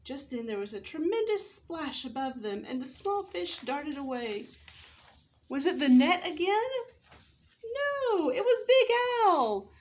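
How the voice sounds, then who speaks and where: This is scripted readers theater narration: a woman reads a children's story aloud, stumbling now and then. Her voice is high-pitched and very animated, and her pace is a little slow.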